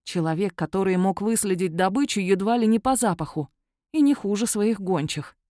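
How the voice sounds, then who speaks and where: A woman reading a first-person fantasy story aloud with a wry, lively storytelling manner. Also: medium pitch, moderate pace, dry recording, studio quality. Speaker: narrator. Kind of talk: first-person audiobook narration.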